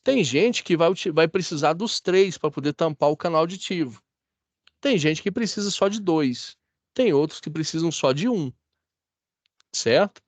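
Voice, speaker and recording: A Brazilian man gives a classroom lecture in a somewhat high voice. His speech is dry and close, with no room echo. He chats easily and keeps checking that the class follows him. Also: animated, moderate pace. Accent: Brazilian Portuguese. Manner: chatty, asks the class for agreement. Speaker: teacher.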